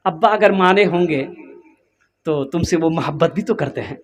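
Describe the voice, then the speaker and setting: A man doing a calm eldest son. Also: a little high, moderate pace, voice pushed down, close to an everyday voice. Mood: soothing.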